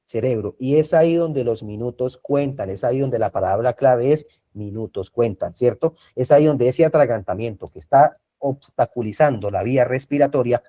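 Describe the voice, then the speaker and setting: A man with a Colombian Spanish accent teaches an online first aid class. His voice is mellow and dark in tone. He talks over a video call and keeps asking whether his students follow. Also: mid-range voice, moderate pace, few pauses. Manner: repetitive, checks in with frequent tag questions.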